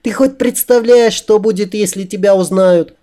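A man performing a bossy young woman in an audiobook who fusses, scolds and teases. Her voice sits well above a man's usual range. Its tone stays soft and mellow rather than bright. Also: high-pitched, moderate pace, pitched above the performer's own voice, close to an everyday voice. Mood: alarmed. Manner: teasing, fussing, scolding. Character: lively fussy young woman, bossy seamstress helper. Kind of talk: audiobook character voice.

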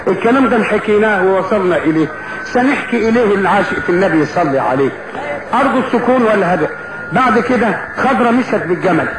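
Egyptian Arabic male cafe storyteller, high voice, folk epic narration, direct address to listeners, echoey noisy recording. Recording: roomy echo, clear background noise.

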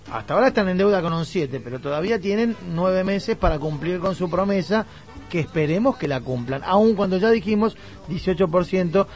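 A male radio host with a notably high voice speaks in a Rioplatense Argentine accent. He mixes casual chat with commentary, over background music. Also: a little mellow. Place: radio studio. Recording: music behind the voice.

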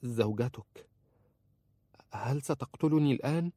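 A man's voice: sits low, moderate pace, dark tone, dry recording, close to an everyday voice. A man voicing a frightened young bride who pleads with her stern husband in an audiobook. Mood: fearful. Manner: pleading, trembling.

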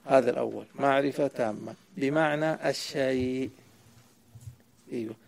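A man's voice: medium pitch, normal speed, vocal fry, a little mellow. A man explaining a grammar poem to a student, quizzing and correcting him as he goes. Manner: asks the student questions and corrects answers. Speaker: sheikh teaching Arabic grammar.

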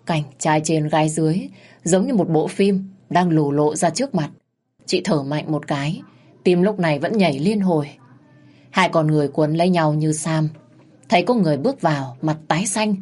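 Low-voiced woman narrating. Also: a little mellow. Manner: vivid, earthy storytelling. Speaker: storyteller. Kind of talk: dramatic story narration.

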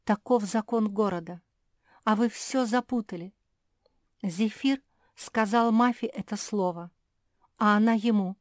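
A woman voicing a timid, tearful female liar creature who sobs and frets in a high voice. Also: measured pace, pauses often, a little mellow, no room sound, clean studio sound, close to an everyday voice. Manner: sobbing, shrill, fretful.

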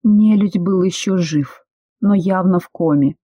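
Mellow husky audiobook narrator. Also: mid-range voice, no echo, dull audio. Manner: steady, measured storytelling.

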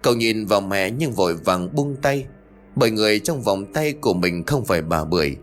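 A man with a low voice tells a ghost story, his delivery lively and rising and falling with suspense. Faint music sits under the narration. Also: a little fast. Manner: suspenseful, expressive.

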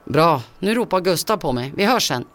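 A man voicing a calm middle-aged father who leads a hunt and talks in a brisk, matter-of-fact way in a spoken story. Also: a little high. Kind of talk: voiced dialogue in a told story.

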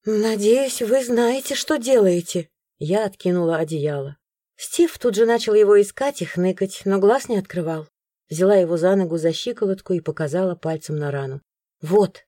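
A woman narrating a first-person audiobook in an expressive storytelling manner. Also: on the low side, brisk, no echo, studio quality.

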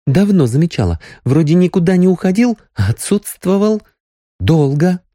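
A man's voice: high-pitched, big pitch swings, moderate pace, dark tone, dry recording, studio quality, voice pushed up. Man doing an insistent young woman doctor. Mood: accusing. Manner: pleading, pressing. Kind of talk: audiobook character voicing.

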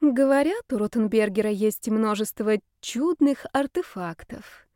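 A woman voicing a sly, scheming female witch who speaks slowly and softly with an insinuating manner, in an audiobook reading. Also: mid-range voice, animated, no echo, studio quality, close to an everyday voice. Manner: slow, soft, insinuating.

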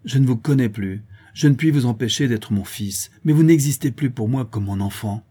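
A man's voice: medium pitch, moderate pace, warm tone, husky, close to an everyday voice. A man voicing a stern, angry elderly father who gives harsh, commanding orders and raises his voice.

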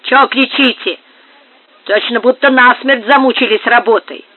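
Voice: mid-range voice, a little slow, no echo, lightly acted. The reader voicing a male yard worker who sounds wary and cheeky, in an audiobook. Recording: narrow phone-like sound.

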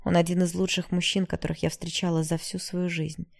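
A woman voicing a forgiving middle-aged mother who speaks softly and tiredly in an audiobook. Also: lowish voice, flat delivery, a little fast, vocal fry. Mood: weary. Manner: soft, tired, soothing.

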